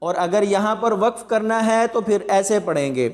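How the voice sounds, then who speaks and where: Teaching Quran pronunciation, a high-voiced man calmly explains each word, spells out its syllables slowly, and then recites it. A long reverb tail follows his speech.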